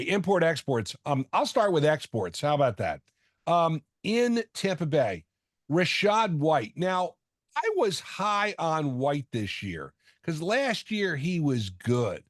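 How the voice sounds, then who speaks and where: A man's voice: fairly high pitch, big pitch swings, a little slow, dry recording, studio quality. A man co-hosting a fantasy football show in casual sports talk, rambling and often stumbling over and repeating words.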